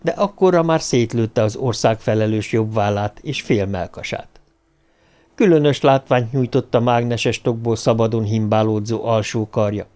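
A man narrating an audiobook in a steady, even reading voice. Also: lowish voice.

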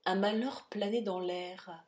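A woman narrating a classic novel as an audiobook, in a measured, dramatic reading. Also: medium pitch, fairly even intonation, a little mellow.

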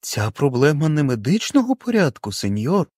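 A man voicing an earnest male doctor who speaks slowly and reverently in a storybook reading. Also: a little high, sing-song, darkish tone, dry recording, clean studio sound, voice pushed up. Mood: awed.

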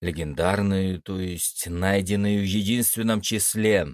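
A man's voice: low voice, steady tone, measured pace, no echo. A man narrating a first-person fantasy audiobook in a wry, slangy manner, recorded close to the mic.

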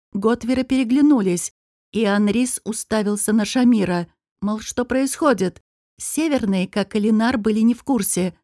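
A woman's voice: medium pitch, dark tone, no echo, studio quality. Woman reading a fantasy audiobook. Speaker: narrator. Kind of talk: audiobook narration.

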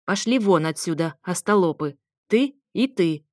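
A woman voicing a brash, commanding grandmother who scolds and mocks loudly, in an audiobook. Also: fairly low pitch, animated, a little slow, no room sound, studio quality. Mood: scolding. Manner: loud, scolding, mocking.

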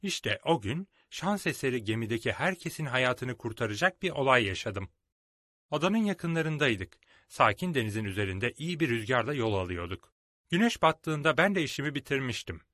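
A man narrating a storybook aloud with expressive delivery. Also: mid-range voice, normal speed, no room sound, clean studio sound.

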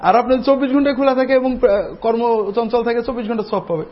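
High-voiced preacher in a mosque. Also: male voice. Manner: teaching, addressing the congregation directly; slow chanted Arabic opening. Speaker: imam. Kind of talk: Friday sermon. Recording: dull lo-fi recording with faint noise.

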